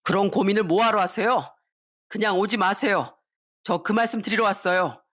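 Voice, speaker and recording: A woman's voice: mid-range voice, normal speed, a bit bright, lightly acted. A disrespectful grown son, read by a woman, cold and cutting as he talks back to his parents. The voice is haughty and defiant throughout. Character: arrogant, disrespectful adult son.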